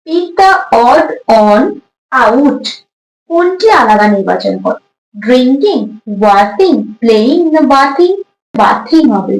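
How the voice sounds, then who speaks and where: High-voiced woman teacher explaining exam questions. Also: echoey room, low-quality recording. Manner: reads English questions slowly, explains in quick Bengali.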